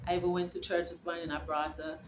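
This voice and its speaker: Speaking quickly in a fairly low, flat-toned voice, a middle-aged woman from Jamaica vlogs from her home about faith, casual and encouraging with a preachy streak. She rambles and keeps restarting. There's slight hiss or hum, and the room sounds echoey with faint ambience.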